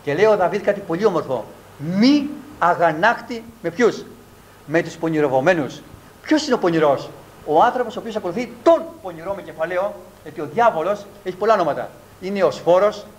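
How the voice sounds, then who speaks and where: A man preaching a sermon in a church and leading a prayer, slow and emphatic, repeating key words with a falling tone. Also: high voice, animated, rough recording. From Greece. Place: church hall.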